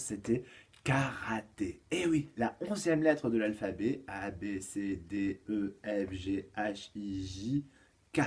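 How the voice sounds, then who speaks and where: A male kindergarten teacher giving a home-schooling lesson to young children. He counts aloud, sings a rhyme and reads riddles slowly and clearly. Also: fairly low pitch, a little mellow.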